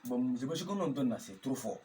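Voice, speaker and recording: Warm and medium-pitched, with lively intonation at a moderate pace, a man gives instruction in geomancy as a marabout. He repeats chanted formulas over and over, frequently asking if his audience follows.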